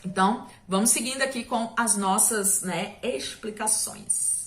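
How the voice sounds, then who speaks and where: A woman's voice: medium pitch, measured pace, a bit bright. A woman from Brazil teaching a recorded history lesson in a chatty, conversational way, checking in with students often and slipping in small jokes. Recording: echoey room.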